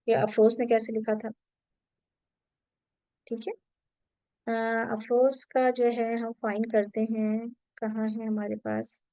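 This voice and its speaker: A woman's voice: fairly high pitch, a little mellow, dry recording. A woman teaching an online Arabic grammar class, patient and reassuring, slipping English terms into her explanations.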